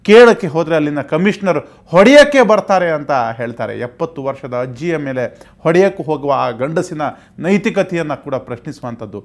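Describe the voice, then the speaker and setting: A man's voice: on the high side, sing-song, a little fast. Earnest man presenting the news. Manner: earnest, appealing to viewers. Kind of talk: news commentary.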